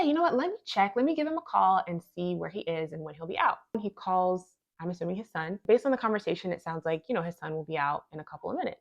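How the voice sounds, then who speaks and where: Woman telling a storytime, gravelly. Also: medium pitch, dull audio. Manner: earnest, reflective storytelling. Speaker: vlogger. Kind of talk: storytime narration.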